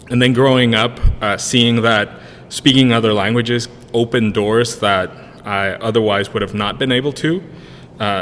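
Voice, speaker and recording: A man in his thirties, a brewery co-owner whose first language is Spanish, answers interview questions as a podcast guest, rambling with many fillers and restarts. Originally from a Spanish-speaking country, he moved to the US in 1999. His voice is lowish and fairly bright, recorded in a room with long reverb and faint noise.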